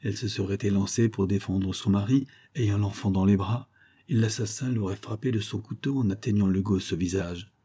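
A man voicing a calm husky doctor. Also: on the low side, normal speed. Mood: explanatory. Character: calm male doctor giving findings.

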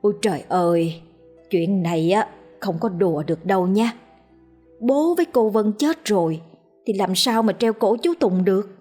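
A woman voicing a practical village wife who talks in a hushed, scolding, reassuring way. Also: mid-range voice, animated, normal speed, soft background music, natural voice. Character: practical village wife, soothing but firm.

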